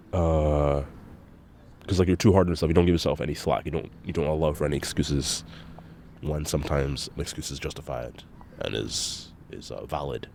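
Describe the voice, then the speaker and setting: A man's voice: rumbling low, normal speed, creaky, pauses often, darkish tone, a little hiss or hum. A young man with a congested, nasal voice, rambling casually and swearing often as he hosts his own podcast. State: congested nose. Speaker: solo podcast host.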